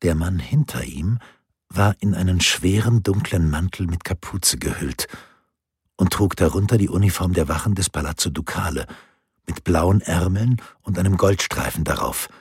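A man reading an audiobook in a steady, measured storytelling voice. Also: sits low, breathy edge, no room sound, clean studio sound. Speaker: narrator. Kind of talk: audiobook narration.

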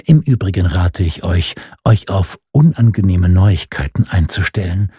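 A man's voice: sits low, expressive, normal speed, warm tone, husky, dry recording, clean studio sound, heavily acted. A man voicing a cruel, mocking noblewoman at a royal court, haughty and sneering, in an audiobook reading.

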